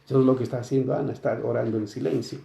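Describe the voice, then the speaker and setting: Male pastor, sermon, deep mellow gravelly voice, questioning listeners as he teaches, echoey church room. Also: steady tone, racing. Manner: explains scripture with frequent rhetorical questions. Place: church sanctuary.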